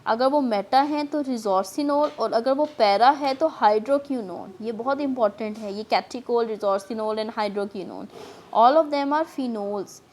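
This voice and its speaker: A woman's voice: on the high side, slow pace, darkish tone. A woman chemistry lecturer with a Pakistani accent, explaining step by step in a classroom lecture and mixing in English terms.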